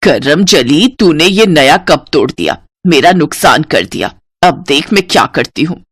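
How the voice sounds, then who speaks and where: A woman voicing a harsh, cruel stepmother in a cartoon story, who scolds in a sharp way. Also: deep voice, expressive, measured pace, breathy edge, dry recording, clean studio sound, heavily acted. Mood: scolding.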